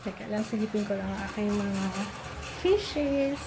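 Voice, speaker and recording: A woman's voice: mid-range voice, unhurried, creaky. A middle-aged woman with a Filipino accent, hosting a casual family vlog and chatting while switching between Tagalog and English. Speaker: vlog host.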